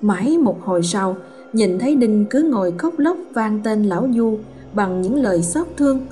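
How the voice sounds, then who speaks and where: A woman narrating a horror story in a steady, dramatic storytelling manner. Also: mid-range voice, moderate pace. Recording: faint background music.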